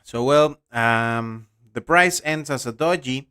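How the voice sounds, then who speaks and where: A Costa Rican man with a smooth, clear voice, speaking English as a second language while he hosts a live trading stream. He reads viewer questions aloud and answers them bluntly, often letting his voice drop away at the end of a phrase. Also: mid-range voice, takes it slowly, bright, forceful tone. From Costa Rica. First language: Spanish. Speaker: trading livestream host.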